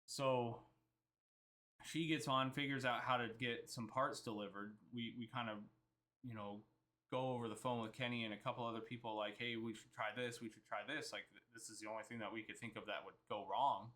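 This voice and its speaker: A man's voice: medium pitch, fairly even intonation, brisk, fairly bright tone. A man recapping a trip in casual, rambling storytelling, often quoting himself and others. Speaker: vlogger.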